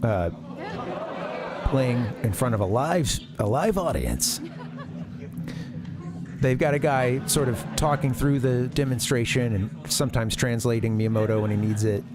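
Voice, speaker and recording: A man's voice: mid-range voice, unhurried, pauses often, over a noisy crowd, heavy background noise. A man hosting a live stream, casually commenting on an old demo video, often restarting his sentences and chuckling. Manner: rambling, self-interrupting, chuckling. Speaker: streamer host.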